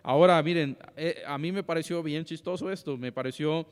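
A man's voice: a little high, fairly quick, clear, resonant tone. A young man teaching a church Bible class in a conversational way, often checking in with his listeners. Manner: conversational, often asks "¿sí?" and addresses "hermanos". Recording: long hall reverb.

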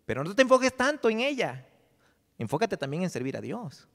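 High-voiced pastor preaching. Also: male voice, big pitch swings, brisk, a bit bright, in a large hall. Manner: conversational preaching, acts out quoted voices. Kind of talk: sermon.

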